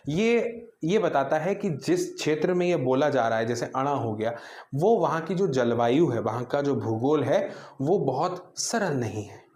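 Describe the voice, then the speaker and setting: A man's voice: mid-range voice, a little mellow, echoey room. A man teaching an exam-prep grammar lecture, explaining step by step and answering his own questions.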